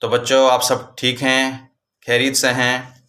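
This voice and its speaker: Man, primary teacher, patient, repetitive, bright tone, roomy classroom sound. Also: mid-range voice, monotone. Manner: patient, repeats "ठीक है बच्चों" often, slows to spell out letters. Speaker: primary school English teacher. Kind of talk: classroom lesson for young children. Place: classroom with a board.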